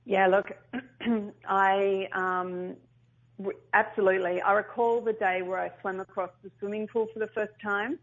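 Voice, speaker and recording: Animated middle-aged woman storyteller. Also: mid-range voice. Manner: animated, restarts and repeats, acts out quotes. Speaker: guest, business founder. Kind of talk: casual interview storytelling. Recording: slightly dull lo-fi sound.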